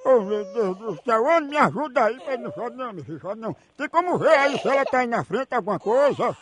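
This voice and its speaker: A man puts on a fretful neighbor on a prank phone call, voice pitched up very high. He pleads helplessly and keeps hushing an imagined baby. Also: animated, fast talker, crowd noise. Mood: flustered. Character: fretful male neighbor minding a crying baby. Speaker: prank caller.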